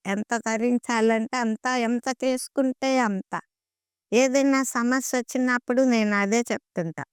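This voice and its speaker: A woman's voice: a little high, a little slow, smooth, no echo, studio quality. A middle-aged woman earnestly recounting devotional experiences, often repeating phrases for emphasis. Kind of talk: conversational storytelling.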